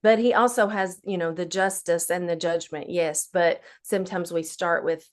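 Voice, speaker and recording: A woman's voice: on the low side, fairly even intonation, normal speed. A woman with an Appalachian accent chatting casually as an interview guest, in a folksy, unflattened dialect. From Appalachia, United States.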